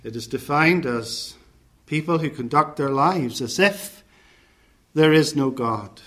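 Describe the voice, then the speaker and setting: A man preaching a sermon in a measured, deliberate way, setting out points one by one and listing phrases with care. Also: on the high side, fairly bright tone.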